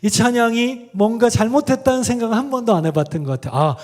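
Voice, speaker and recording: A man's voice: very high voice, quick pace, a little mellow. A man speaking as a guest professor in a church, preaching in a conversational way and often putting questions to the congregation. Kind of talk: sermon with sung examples. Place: church sanctuary. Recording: long church hall reverb.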